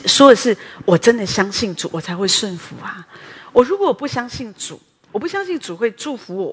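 Middle-aged lady preaching, husky voice, lots of hall echo, keeps tacking on "ha". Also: medium pitch. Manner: conversational, tags sentences with a soft "ha". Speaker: preacher at a women's morning prayer meeting. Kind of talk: personal testimony sermon. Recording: long hall reverb.

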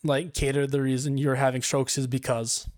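A man's voice: mid-range voice, little pitch movement, normal speed, darkish tone. Rambling young male podcast host. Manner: rambling, self-mocking, laughs often. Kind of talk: casual podcast chat.

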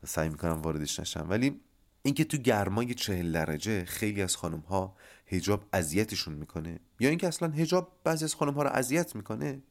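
A man hosting a podcast, explaining ideas to listeners in an animated monologue and addressing them directly. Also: mid-range voice. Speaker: podcast host.

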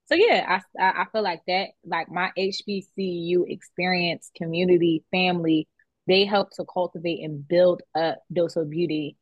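A young woman speaks as an interview guest, her voice fairly low for a woman and a little dull, as if recorded on modest gear. The room is dry and close, with no echo. She talks loosely and keeps checking in with "right?". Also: fairly even intonation, moderate pace. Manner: conversational, many "like" and "right?" tags. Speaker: guest, beauty business founder. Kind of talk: casual interview chat.

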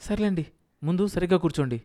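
A man's voice: on the high side, expressive, normal speed, mellow, pitched above the performer's own voice. A man voicing a stylish young wife who scolds her naive husband sharply, in a storybook reading. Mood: irritated.

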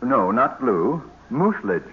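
An actor playing a pompous, educated mayor with a formal, droll manner in old radio comedy style. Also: male voice, medium pitch, very animated, a little slow. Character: genteel, pompous male small-town mayor. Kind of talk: 1940s-50s radio comedy acting. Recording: dull, hissy old radio recording.

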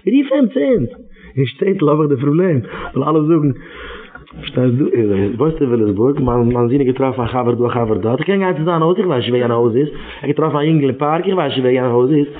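A man's voice: medium pitch, fast talker. A man giving an informal religious talk, exhorting his listeners and repeating his phrases again and again. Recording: tinny phone-like radio recording.

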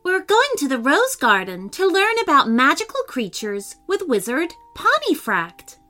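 A woman's voice: sits high, huge pitch swings, measured pace, sharp tone, faint music behind, exaggerated voice. A woman voicing a cheerful little princess who talks with delight. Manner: beaming, delighted.

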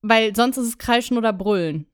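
Eine junge Frau, die als Co-Host in einem lockeren Podcast laut und direkt plaudert und oft lacht. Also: female voice, fairly high pitch, fairly quick, clear, resonant tone. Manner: loud, blunt, laughs often. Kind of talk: casual chat. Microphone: close podcast mic.

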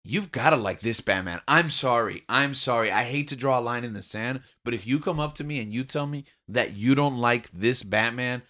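A man co-hosting a casual podcast at an ordinary male pitch. He talks earnestly and emphatically and states firm opinions. His delivery is conversational and unhurried. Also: bright, forceful tone. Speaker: podcast co-host. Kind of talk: casual chat.

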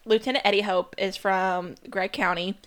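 A woman's voice: medium pitch, fairly even intonation, normal speed, a bit bright. A woman co-hosting a podcast, chatting casually and laughing easily. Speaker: podcast co-host. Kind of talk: casual chat.

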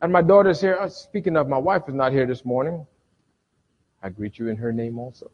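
A middle-aged male pastor with a husky voice, preaching a sermon with sudden loud bursts and dramatic pauses, recorded in a church sanctuary. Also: mid-range voice, highs cut off. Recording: long reverb of a church hall.

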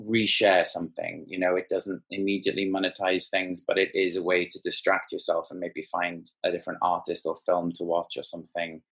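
A man's voice: deep voice, a bit bright, husky. A man who runs a small record label, chatting casually on a video call with many fillers. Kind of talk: casual sharing at an online group call.

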